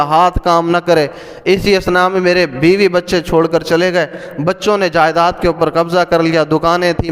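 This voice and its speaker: A male Islamic preacher giving an emphatic storytelling sermon. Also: fairly high pitch. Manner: emphatic, acts out quoted speech. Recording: long hall reverb.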